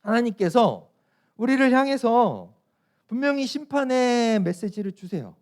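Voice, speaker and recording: A man's voice: very high voice, very animated, unhurried, darkish tone. A young man in a church youth service, preaching to middle schoolers in a playful, storytelling way with asides to the audience. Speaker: youth pastor.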